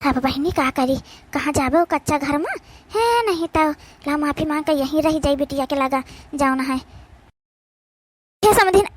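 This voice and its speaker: A woman's voice: extremely high pitch, fairly bright tone, dry recording. A woman with an Awadhi accent, voicing several village women in a family quarrel for a cartoon, pleading and scolding in turn. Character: quarrelling village women, mother and daughters-in-law. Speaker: cartoon voice actor.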